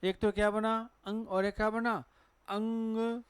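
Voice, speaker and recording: A man with a Hindi accent teaches a class at a board, his voice high and crisp. He keeps asking questions and then answering them himself. The recording is dry and close. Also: little pitch movement, a little slow, no room sound. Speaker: English teacher. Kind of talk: classroom lecture on pronunciation.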